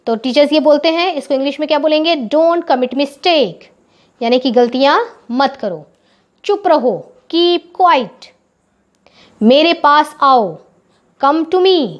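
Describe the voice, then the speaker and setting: Woman teacher, high voice, patient lesson delivery; dull lo-fi recording. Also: lively intonation. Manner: explains in Hindi, says English phrases slowly and clearly. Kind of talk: spoken English lesson for children.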